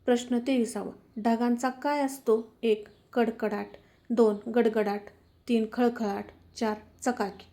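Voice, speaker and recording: A woman's voice: on the high side, fairly even intonation, slow, mellow. A woman teacher steadily reading quiz questions, options and answers for students.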